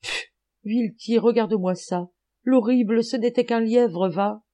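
A woman voicing a cowardly, bumbling Swabian man who yelps in high-pitched cries. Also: measured pace, mellow, lightly acted. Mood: relieved.

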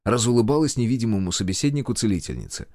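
A man narrating a first-person audiobook, expressive storytelling. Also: fairly low pitch, very fast, dry recording, clean studio sound.

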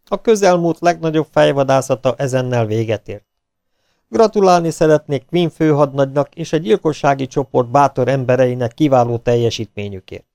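A man's voice: mid-range voice, vocal fry, a little mellow, no room sound, clean studio sound, lightly acted. A man voicing a police chief giving a formal official statement to the press.

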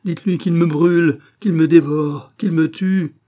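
A man's voice: mid-range voice, moderate pace, warm tone, breathy edge, muffled recording, natural voice. A man voicing a young countess under hypnosis, pleading and strained, in an audiobook. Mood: anguished. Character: the young countess Andrée, entranced, resisting. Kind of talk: audiobook character voice.

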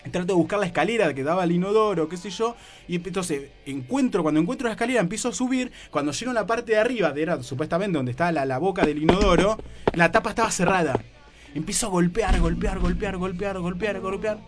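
Man, Argentine accent, young adult, comic storyteller, high lively voice, slangy, faint music behind. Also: fast talker. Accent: Argentine Rioplatense Spanish. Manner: animated, excitable, slangy, acts out other people's lines. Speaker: radio comedy show regular.

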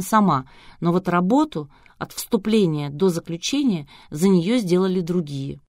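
An audiobook reader delivers scripted narration of a novel in a lively storytelling style. Her voice sits fairly low, and the studio-quality recording has no room sound.

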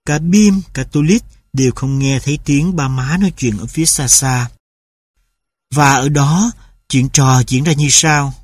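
A man narrating an audiobook in a steady storytelling manner. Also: mid-range voice, measured pace, no room sound, clean studio sound. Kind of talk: audiobook reading.

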